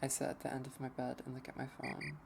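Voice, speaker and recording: Brief: let's play streamer reading a visual novel aloud, gravelly and slow, mid pitch, game music underneath. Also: little pitch movement, noisy background. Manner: slow, hesitant first-person reading.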